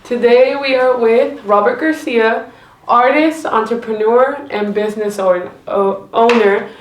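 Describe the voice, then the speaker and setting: A woman's voice: fairly high pitch, a little slow, slight background noise. A woman hosting a local interview show, asking questions in an upbeat, friendly way. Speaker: host. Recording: roomy echoey sound.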